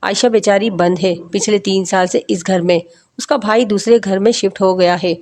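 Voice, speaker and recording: A woman's voice: medium pitch, fairly even intonation, darkish tone, lightly acted. A woman narrator voicing a male neighbor who explains things in a matter-of-fact way. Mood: sympathetic. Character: male neighbor, sympathetic passerby.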